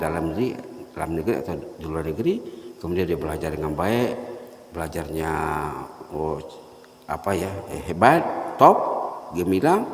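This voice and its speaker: A man preaching a morning sermon with emphatic, repeated points that swing between loud and soft. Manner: emphatic, rising to loud repeated points then dropping low. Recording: echoey hall reverb.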